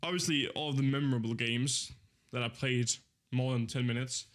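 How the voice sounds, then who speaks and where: A man in his twenties with a mid-range, slightly bright voice speaks at a moderate pace in a steady tone. He's streaming and chatting casually with his viewers, rambling in an easygoing way, with plenty of fillers and frequent self-corrections.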